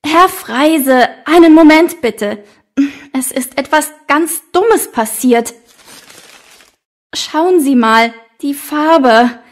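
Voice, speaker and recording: Woman acting as office assistant, very high voice, careful and deferential, lesson dialogue. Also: animated, extremely slow, exaggerated voice. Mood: apologetic. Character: dutiful female office assistant. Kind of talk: scripted language-lesson dialogue.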